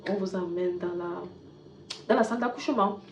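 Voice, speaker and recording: A woman vlogger casually retelling a personal story, switching from loud bursts to soft asides. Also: lowish voice, moderate pace. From Cameroon. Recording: echoey room, dull lo-fi sound with faint hiss.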